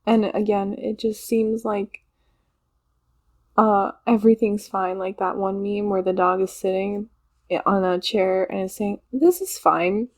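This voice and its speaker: A woman reads tarot cards for an online audience in a loose, chatty way. Her voice is warm and mellow at an ordinary pitch, and she wanders and circles back to the same points. Small laughs break into her talk. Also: flat delivery, a little slow. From Poland. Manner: chatty and rambling, laughs often, repeats herself. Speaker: tarot reader. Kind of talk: casual channeled tarot reading.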